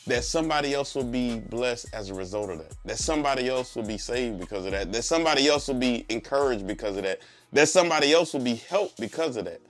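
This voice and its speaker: A man's voice: medium pitch, expressive, fast talker. Motivational male preacher with emphatic repetition. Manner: emphatic repetition and rhetorical questions. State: congested, under the weather. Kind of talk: motivational speech, faith testimony. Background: music.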